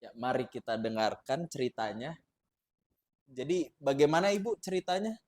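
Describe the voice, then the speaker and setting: A woman's voice: extremely low pitch, normal speed, darkish tone. A woman hosting an interview, prompting her guest and giving short backchannels. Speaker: host. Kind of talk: interviewing, casual chat.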